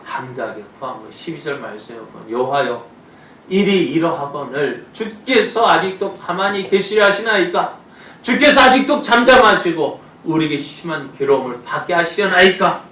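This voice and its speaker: A male pastor delivers a sermon from a distance in an echoey church sanctuary. He talks emphatically, shifting between loud, pleading lines and quiet asides. A faint hiss sits under the recording. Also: a little high, animated, moderate pace.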